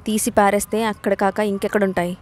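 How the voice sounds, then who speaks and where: A woman's voice: mid-range voice, flat delivery, fairly quick, darkish tone, close to an everyday voice. A woman voicing a sarcastic, irritable young husband in a storybook reading, speaking in short, curt replies. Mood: curt, irritated.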